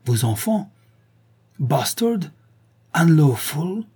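A man's voice: medium pitch, normal speed, mellow, slightly rough, natural voice. A man reading the part of a vengeful Spanish woman, speaking in a disdainful way. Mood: scornful.

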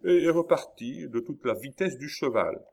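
A deferential doorkeeper who stumbles over his answers, as a storybook reader puts him on. His voice rises somewhat and stays lively. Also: medium pitch, normal speed, gravelly, pitched above the performer's own voice. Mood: flustered. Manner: hesitant, deferential. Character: flustered male doorkeeper, the Swiss.

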